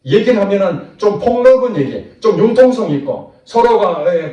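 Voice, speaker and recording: A man's voice: high voice, dark tone. A man preaching a sermon as pastor, acting out short asides of imagined people. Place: church sanctuary. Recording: echoey church hall from far off.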